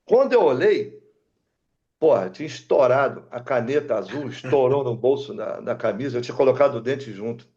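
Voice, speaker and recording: A man's voice: medium pitch, moderate pace, highs cut off. An older man from Brazil, an aircraft mechanic guest, telling stories in casual chat and acting out the dialogue. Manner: animated, acts out dialogue in the story. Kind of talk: casual storytelling.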